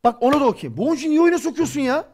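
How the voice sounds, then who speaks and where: This forties-aged football pundit speaks from a studio with a very high, slightly mellow voice, racing along in a very animated way. His post-match take is impassioned, a rant full of rhetorical scolding.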